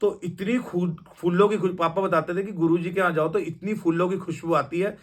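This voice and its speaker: A man's voice: sits high, fairly even intonation, normal speed. Young man rambling through a story. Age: young adult. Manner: rambling, with many restarts and fillers. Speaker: devotee sharing a testimony. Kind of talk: casual storytelling testimony.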